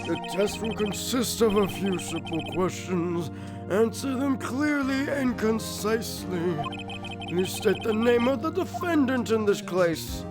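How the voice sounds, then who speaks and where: A stern old judge presides from the bench, drawn out and grave, as a man puts on the voice. He speaks slowly and deliberately, with game music behind him. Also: sits high, lively intonation, voice pushed up. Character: stern elderly male courtroom judge.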